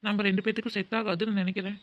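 Woman voicing a sarcastic young man, rapid-fire. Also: mid-range voice, little pitch movement, muffled recording, lightly acted. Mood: dismissive. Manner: curt, sarcastic. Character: young man, cold and bitter boyfriend. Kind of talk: cartoon voice acting.

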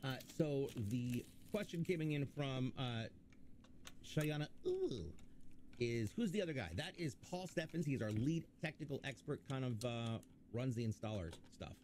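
A man's voice: mid-range voice, lively intonation, moderate pace, darkish tone, slight background noise. A man hosting a livestream PC build, chatty and joking while reading viewer questions aloud. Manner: chatty, jokey, reads viewer chat aloud. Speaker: livestream host. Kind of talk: casual livestream chat.

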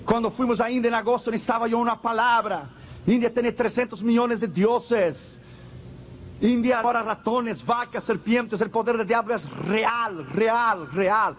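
A man's voice: very high voice, normal speed, slight background noise. A man preaching a fervent, emphatic sermon as pastor, repeating phrases and asking the congregation questions.

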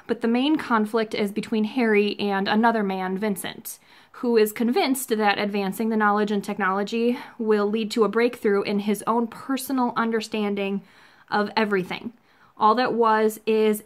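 A woman in her thirties chatting casually through a book review in a conversational, musing way at home. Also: medium pitch. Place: small home room, indoors.

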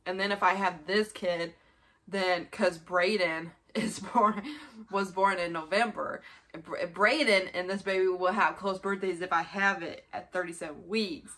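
A woman of twenty-five, filming a mukbang in a small bedroom, rambles casually to a camera set a little in front of her and repeats herself often. Her voice is fairly low and a bit bright, with fairly even intonation and an unhurried pace.

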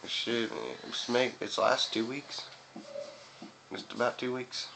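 A man's voice: mid-range voice, steady tone, slow, gravelly. A young man chatting casually to camera, rambling and swearing, with chewing tobacco in his mouth. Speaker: video reviewer. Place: small room indoors by a window. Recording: noisy webcam-style room recording.

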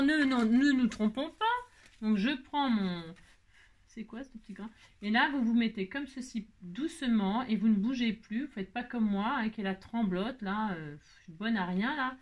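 A woman's voice: medium pitch, normal speed. A tired woman hosting a casual crafting tutorial, chatty and self-mocking, talking straight to her viewers.

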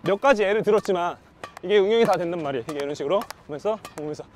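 A man's voice: sits high, racing, slight background noise. A man teaching badminton defense, explaining and counting his strokes aloud while he hits against a wall. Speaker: badminton coach. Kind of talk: instructional demo while practicing.

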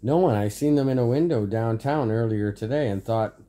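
A man's voice: mid-range voice, moderate pace, warm tone, close to an everyday voice. A man reading a story aloud, voicing a confused, defensive young woman. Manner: pleading, defensive.

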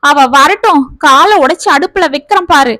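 A woman's voice: sits high, normal speed, fairly bright tone, no echo, studio quality. A woman voicing a middle-aged mother who talks in a scolding, outraged way.

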